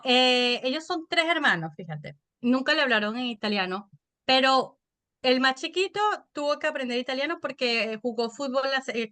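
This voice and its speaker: Chatty Venezuelan woman, bright voice. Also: a little high. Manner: animated storytelling, quick and chatty. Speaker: podcast guest. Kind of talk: casual interview chat.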